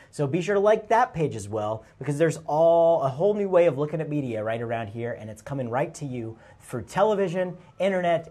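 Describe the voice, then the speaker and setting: A man calls a street parade live from a local TV studio. His voice is husky and lively, swinging up and down, upbeat and playful as he chats with his co-host. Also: a little high.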